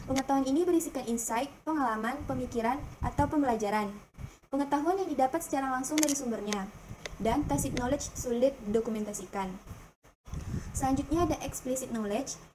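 A young woman, a student, reads her slide presentation aloud at an even, careful pace, working through lists. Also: high voice, background noise. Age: young adult.

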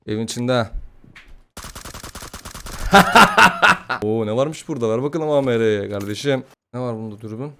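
A man giving casual, excitable gameplay commentary, swearing, joking and trash-talking his opponents. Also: mid-range voice, a little slow, long pauses, a little hiss or hum. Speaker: gaming YouTuber.

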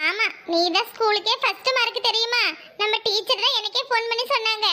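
A woman's voice: very high voice, fairly even intonation, fairly quick, sharp tone. A woman voicing a teasing, bossy teenage schoolgirl friend in a cartoon, with a southern Tamil Nadu accent. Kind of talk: cartoon voice acting.

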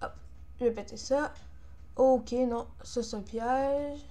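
Higher-voiced Québécois woman, frustrated gamer. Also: fairly even intonation, takes it slowly, mellow. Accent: Quebec French. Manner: frustrated, grumbling and swearing as she plays. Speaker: gamer, video creator. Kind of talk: casual gameplay commentary.

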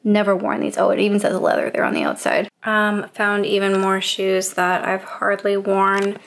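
A woman's voice: mid-range voice, normal speed, gravelly. A young woman from Canada chatting casually through a home organizing vlog, with frequent ums and little laughs. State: out of breath. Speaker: lifestyle vlogger. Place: home closet and bedroom.

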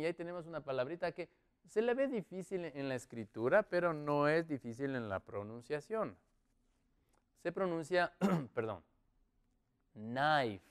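A man with a Latin American Spanish accent teaching children English words, encouraging them and drawing out each word slowly for repetition. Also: a little high, clear, resonant tone. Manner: slow, drawn-out model pronunciation; lively, encouraging, repeats words.

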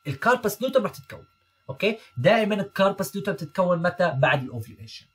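A man's voice: sits high, very animated, rapid-fire, husky. A young man tutoring veterinary students over slides, repeating key terms and checking in often. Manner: mixes English medical terms into Arabic. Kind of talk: recorded lecture over slides.

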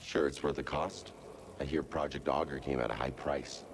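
A man's voice: a bass voice, fairly even intonation, moderate pace. An actor playing a grave, probing man in dramatic video game dialogue. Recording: long hall reverb.

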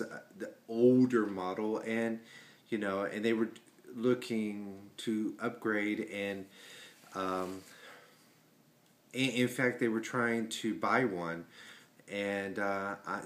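Slow, rambling man on webcam. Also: on the low side. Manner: rambling, many fillers and restarts. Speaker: vlogger. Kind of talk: casual chat. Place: home living room, indoors. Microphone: webcam at desk.

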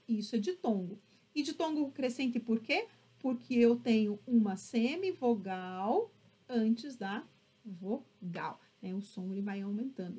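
Brazilian woman, teacher, high animated voice, upbeat, checks in often. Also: breathy edge. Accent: Brazilian Portuguese. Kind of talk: online class lesson.

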